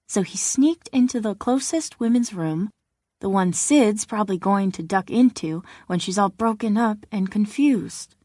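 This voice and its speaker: A woman reading an audiobook in a measured, expressive narration style. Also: mid-range voice, no room sound, studio quality. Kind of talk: scripted narration.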